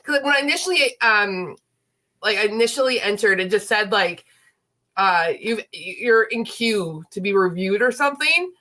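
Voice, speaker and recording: This livestream host is a woman in her late thirties with a medium-pitched, animated voice, a sharp tone, and a moderate pace. She sounds blocked up and stuffy from a lingering illness as she chats casually, rambling and dropping in plenty of fillers.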